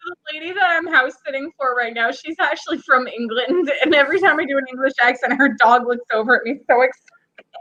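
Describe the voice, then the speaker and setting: A woman's voice: high voice, fairly quick, sharp tone, dull audio. A young woman co-hosting a live podcast from home, chatting playfully and joking around. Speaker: podcast co-host. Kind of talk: casual chat on a live show.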